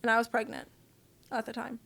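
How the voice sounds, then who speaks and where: A woman's voice: a little high, fairly quick, gravelly, a bit bright. A woman guest on a podcast, telling her own story in a candid, casual and profane way.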